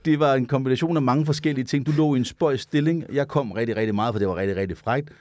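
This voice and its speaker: A man's voice: mid-range voice, darkish tone, no echo. Candid joking male co-host. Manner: joking, candid, laughs often. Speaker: podcast co-host. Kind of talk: casual frank chat.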